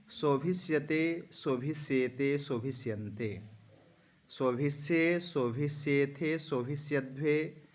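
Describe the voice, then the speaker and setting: A man teaching a lesson at a slow, unhurried pace, chanting lists of verb forms in a steady sing-song recitation. His voice sits at an ordinary middle pitch, and he turns to speak plainly to his students between the lists. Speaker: Sanskrit teacher. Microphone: phone screen recording.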